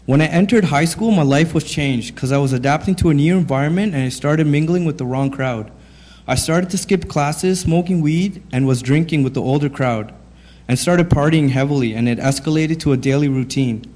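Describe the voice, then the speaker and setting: Thirties guy reading his testimony at church, steady read-aloud tone. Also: fairly high pitch, moderate pace. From Sri Lanka, raised in Canada. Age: 30s. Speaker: testimony speaker.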